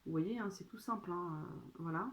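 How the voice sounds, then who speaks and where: A woman with a lowish voice, speaking at normal speed, chats casually to her phone while unboxing something at home. This vlogger talks hesitantly, full of fillers.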